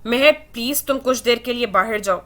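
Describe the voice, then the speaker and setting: A woman's voice: on the high side, a bit bright, close to an everyday voice. A woman voicing Hadid, a stern young male officer who speaks harshly and sarcastically, in a read-aloud novel. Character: stern angry young man, air force officer.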